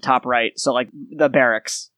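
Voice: mid-range voice, fairly even intonation, a little slow, a bit bright, no echo. A game master narrating a tabletop game in an informal, descriptive way.

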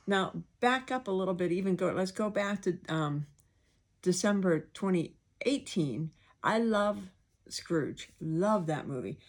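A woman podcast host with a speech impediment on her R's and S's, talking candidly and informally in a rambling personal monologue, acting out remarks she quotes. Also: fairly low pitch.

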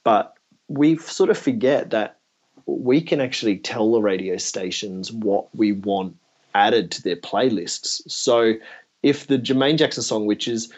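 A podcast host chats casually in a voice on the low side, keeping a measured pace. The recording has its highs cut off.

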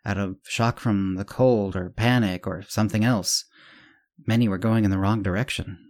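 Man reading a serial story, slightly low. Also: fairly even intonation, a little mellow. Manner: measured reading with small self-corrections. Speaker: host and narrator. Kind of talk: scripted narration of a serial story.

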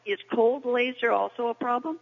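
A man calling into a radio show over a clipped phone line, asking questions in a hesitant, halting way with fillers. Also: extremely high pitch, vocal fry. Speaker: caller. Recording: dull lo-fi phone line with long reverb.

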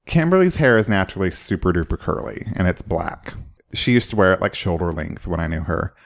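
A man's voice: sits low, sing-song, fairly quick. Chatty man telling stories with laughs. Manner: chatty storyteller, laughs often. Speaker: podcast co-host. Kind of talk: casual chat, playing a word game.

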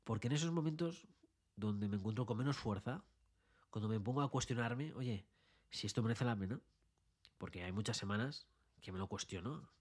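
Guy doing a motivational podcast, lively and chatty, mimics chants now and then. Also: lowish voice, moderate pace, long pauses. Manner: animated, mimics protest chants. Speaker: podcast host. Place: his office.

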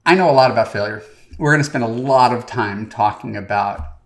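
A man's voice: mid-range voice, a little fast. A middle-aged man, a dating coach, hosting a podcast and talking directly to listeners in a conversational way with frequent fillers. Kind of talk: podcast monologue.

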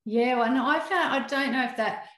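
A woman's voice: sits high, normal speed, fairly bright tone. A woman hosting an interview in a casual, conversational style. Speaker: interviewer, host. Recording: slightly echoey room.

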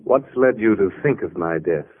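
An actor playing an earnest, weary sanatorium doctor with formal authority in a 1940s radio drama. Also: male voice, lowish voice, animated, moderate pace, husky. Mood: concerned, probing. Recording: tinny, hissy vintage radio recording.

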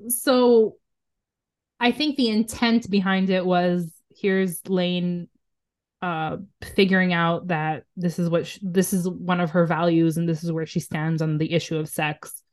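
A woman's voice: on the low side, fairly even intonation, measured pace, darkish tone. Giggly chatty woman podcast host. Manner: chatty, laughs often, many fillers like "um" and "like". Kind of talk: casual chat.

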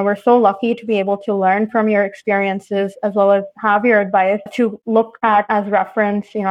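A young woman in her twenties asks a podcast guest a prepared question, polite and earnest. Her remote audio sounds a bit dull and muffled. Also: mid-range voice. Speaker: medical student interviewer. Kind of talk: podcast interview.

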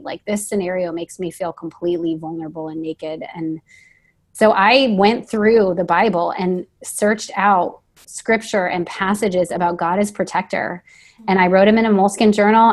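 A woman being interviewed as a guest author, talking in a casual, earnest and reflective way, often saying "like" as she thinks aloud. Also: mid-range voice.

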